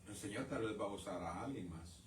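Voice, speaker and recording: A man preaching a sermon in a church, calling his listeners brothers and swinging from loud outbursts to quiet asides. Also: on the low side, animated, a little fast, distant mic, a little hiss or hum. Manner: addresses the congregation as brothers. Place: church sanctuary. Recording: roomy church sound from off-mic.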